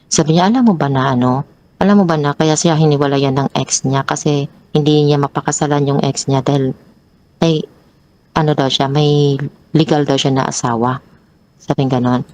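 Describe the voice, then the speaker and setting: A woman telling her own troubled story as a guest, hesitant and halting with many restarts. Her pitch jumps up sharply when she relives an argument. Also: fairly even intonation, darkish tone, rough recording. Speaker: guest sharing a personal story. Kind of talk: confessional personal storytelling.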